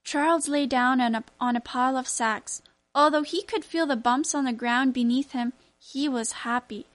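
A woman narrating a children's story aloud in a clear, even reading manner. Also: sits high, normal speed.

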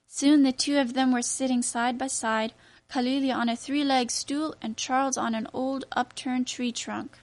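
A woman narrating a children's story aloud in a clear, even reading manner. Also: sits high, moderate pace.

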